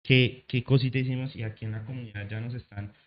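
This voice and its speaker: An easygoing man hosts a casual chat at a middle pitch. He sounds encouraging toward the people listening. The recording is slightly dull and lo-fi. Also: fairly even intonation, quick pace.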